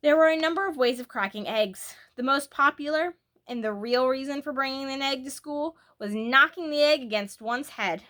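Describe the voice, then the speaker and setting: Reading a children's story at a moderate pace, a woman uses a very bright, forward voice set on the high side. She's animated and expressive, stressing key words the way a storyteller does.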